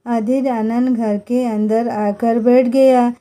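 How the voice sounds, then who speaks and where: A woman narrating a moral story with steady, even reading. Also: a little high, slow.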